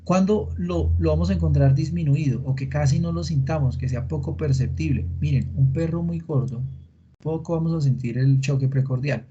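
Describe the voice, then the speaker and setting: A man teaching a veterinary class in an online meeting, explaining step by step, quizzing students and filling pauses with "eh". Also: fairly high pitch, mellow, slight background noise. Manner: explanatory, asks students questions, frequent fillers. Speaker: veterinary lecturer. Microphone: computer mic in a video call. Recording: dull lo-fi meeting recording.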